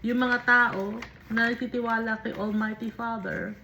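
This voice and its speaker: A woman's voice: a little high, steady tone, measured pace, sharp tone, a little hiss or hum. A woman leading a devotional Bible study. She reads verses and explains them, voicing heartfelt sample prayers. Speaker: Bible teacher. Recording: dull lo-fi recording.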